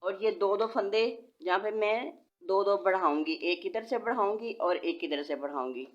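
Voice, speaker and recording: Her throat is sore, changing her medium-pitched voice slightly, as she patiently counts stitches and gives step-by-step knitting directions at normal speed. She hosts a knitting tutorial, captured in a dull, lo-fi home recording.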